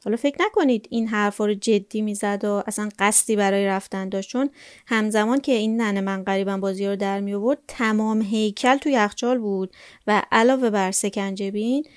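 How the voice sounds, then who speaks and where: A woman's voice: medium pitch, dry recording, studio quality. A woman narrating a story in the first person in a wry, gossipy colloquial way.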